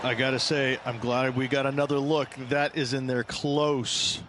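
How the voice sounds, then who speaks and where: A man's voice: mid-range voice, little pitch movement, normal speed, noisy background, natural voice. A man as a golf commentator, adding analysis and opinion on play in a game broadcast. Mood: matter-of-fact.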